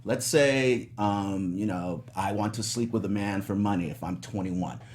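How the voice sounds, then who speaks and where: A man with a lowish voice talks on a studio panel. He muses out loud, rambles, and keeps restarting his sentences as he works through his points. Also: a little slow. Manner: musing, rambling, many restarts. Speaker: panelist on a TV review show. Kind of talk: casual panel discussion. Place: studio in California.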